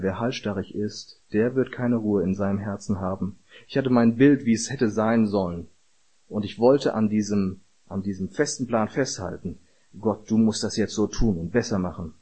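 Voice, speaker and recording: A man's voice: fairly low pitch, darkish tone, husky. A man preaching a sermon in an earnest way, building to emphatic repeated calls.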